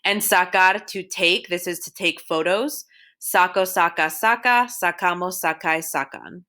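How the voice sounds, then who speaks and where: A woman with a lowish, bright, forceful voice walks through a recorded slideshow lesson. She drills verb forms one at a time in a steady, methodical way, pausing to tell students to copy things down. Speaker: Spanish teacher.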